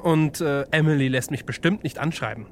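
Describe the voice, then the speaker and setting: A man voicing a charming, hard-drinking male rogue in a radio play, cheeky and quick to laugh. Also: fairly high pitch, a little hiss or hum, lightly acted. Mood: sly.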